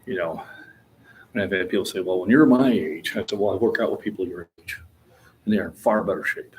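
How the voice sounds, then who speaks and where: Older guy in his 60s chatting in the gym, kinda low voice, faint room noise behind him. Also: brisk. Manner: plainspoken, rambling, chuckles easily. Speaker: fitness vlogger. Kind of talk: casual gym vlog talk.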